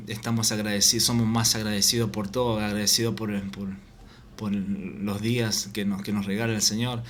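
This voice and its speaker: A man giving an informal Bible teaching, reading scripture aloud and often halting and repeating words. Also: on the low side, a little hiss or hum. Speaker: preacher.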